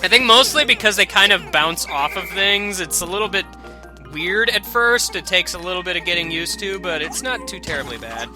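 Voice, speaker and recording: A young man casually commenting on a video game as he plays, rambling and jokey, with sudden loud excited outbursts. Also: high-pitched, moderate pace, music in the background. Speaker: let's play commentator.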